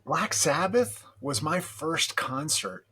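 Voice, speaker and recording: Man, late 50s, podcast guest, sharp bright voice, dry self-mocking storyteller. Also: on the high side, lively intonation, takes it slowly, husky. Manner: reminiscing, wry and self-deprecating. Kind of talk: casual chat.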